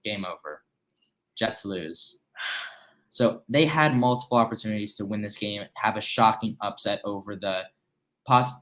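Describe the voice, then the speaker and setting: A man's voice: on the low side, a bit bright. Teenage boy breaking down a football game. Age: teens. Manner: hesitant, fillers while recalling. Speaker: guest analyst. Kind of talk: casual sports analysis.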